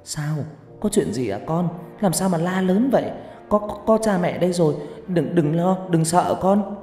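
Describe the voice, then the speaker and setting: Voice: mid-range voice, very animated, a little slow, warm tone, voice pushed up. A narrator voicing an anxious, protective village mother who stammers in alarm. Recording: echoey reverb with background music.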